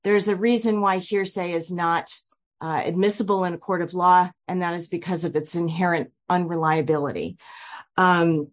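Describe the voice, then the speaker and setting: A woman attorney with a somewhat low voice lays out a formal defense, measured and assertive. She speaks over a video call. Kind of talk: formal legal statement.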